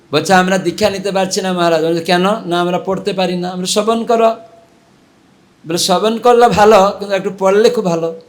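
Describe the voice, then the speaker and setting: Lively-voiced monk preaching a sermon. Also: male voice, on the high side. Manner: animated, rises into louder exhortation and chant. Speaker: monk giving a religious class. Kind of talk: storytelling sermon with chanting. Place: village gathering.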